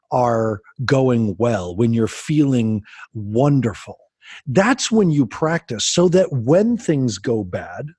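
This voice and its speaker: A man's voice: mid-range voice, darkish tone, breathy edge, dry recording. A man hosting a podcast, speaking earnestly and emphatically as he talks straight to parents and interviews his guest. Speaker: podcast host.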